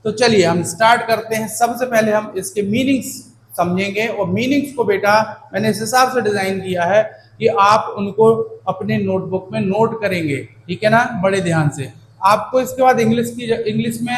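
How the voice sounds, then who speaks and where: A man with a high-pitched voice runs a Hindi-medium exam-prep lesson on English, recorded in an echoey space with a faint background hum. He warmly encourages the class, calling them children and "beta," checks in repeatedly with "theek hai na," and slows considerably to spell out English phrases and their meanings.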